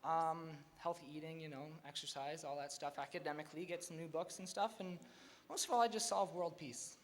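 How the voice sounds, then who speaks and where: A man's voice: a little high, steady tone, brisk. A young man, a pageant contestant, giving a joking answer on stage in a very noisy, echoey hall. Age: teen or young adult.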